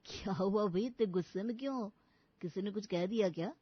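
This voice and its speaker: A woman voicing a mild young husband in an animated story, who talks in a calm, reasoning way. The sound is dry and lo-fi. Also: mid-range voice, a little fast, husky, dry recording, pitched below the performer's own voice, lightly acted.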